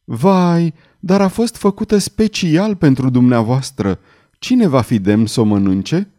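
A man's voice: mid-range voice, big pitch swings, dark tone, natural voice. A man reading an audiobook, voicing a kind, emotional woman innkeeper in a raised, tremulous voice. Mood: pleading. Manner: tremulous, pleading.

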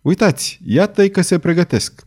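A man's voice: high-pitched, lively intonation, darkish tone, pitched above the performer's own voice. A man voicing a sly, plotting male court astrologer who speaks in a soothing, conspiratorial way.

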